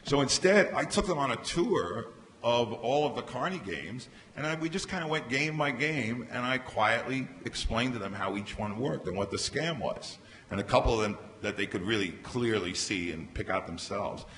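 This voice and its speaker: A middle-aged man speaking as a panelist at a conference, telling anecdotes in a lively way into a table microphone. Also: mid-range voice, normal speed. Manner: animated anecdotal storytelling. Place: large conference hall stage. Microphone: microphone on a table stand. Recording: reverberant hall, faint background hiss.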